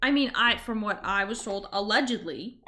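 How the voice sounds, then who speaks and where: A woman's voice: medium pitch, animated, normal speed, sharp tone. A woman streamer in casual reaction chat, talking informally and emphatically and acting out the reactions she quotes.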